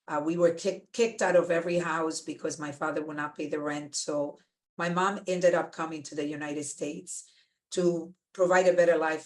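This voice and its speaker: A middle-aged woman, a guest earnestly telling her own story in a measured way. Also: low voice. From Dominican Republic. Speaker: guest, medical center CEO. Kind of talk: personal testimony in a podcast interview.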